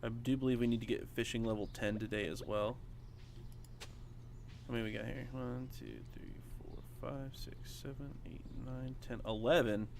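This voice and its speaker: A man with a medium-pitched voice, fairly even intonation and vocal fry streams a farming game at a normal speed. Chatty and full of fillers, he talks to viewers as he plays in a casual let's play, with a faint hiss or hum on the recording.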